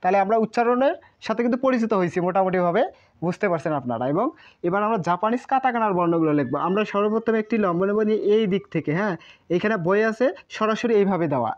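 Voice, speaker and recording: A woman's voice: medium pitch, lively intonation, very fast. A woman with a Bangladeshi Bengali accent, a language teacher patiently explaining and drilling syllables one by one. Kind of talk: explaining at a board. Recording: slightly dull lo-fi recording.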